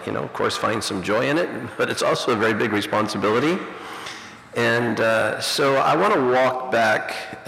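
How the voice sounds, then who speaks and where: A man's voice: mid-range voice, gravelly, pushed and bright. A middle-aged man preaching a conversational, reflective sermon as a pastor and teacher, full of "you know", heard through a fuzzy, distorted recording. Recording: distorted, reverberant hall recording.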